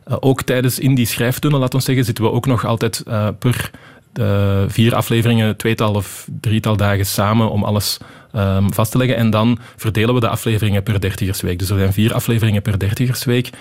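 A Flemish-accented TV screenwriter in his thirties answers questions casually as a guest on a radio interview, hesitant and thinking aloud with many "ehm" fillers. His voice is fairly low, fairly even in intonation, fairly quick and a little mellow.

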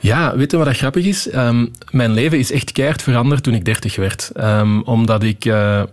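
A man's voice: medium pitch, moderate pace. A man in his thirties with a Flemish accent, a screenwriter answering interview questions, hesitant and full of ehm fillers. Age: 30s. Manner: hesitant, many ehm fillers, thinking aloud. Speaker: TV screenwriter guest. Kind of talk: radio interview, casual answers.

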